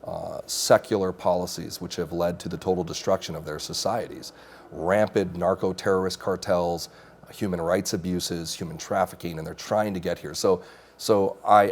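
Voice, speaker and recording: With a deep, darkish voice, a congressional candidate in his thirties answers questions in a small TV studio. He grew up in Mexico, and he responds earnestly and assertively, often starting his sentences again.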